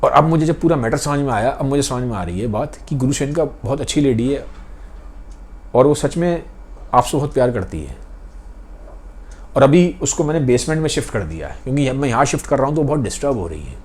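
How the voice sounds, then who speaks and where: A man voicing a police inspector who calmly reassures a prisoner, in a softer, gentle manner. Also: mid-range voice, fairly quick, close to an everyday voice. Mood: reassuring.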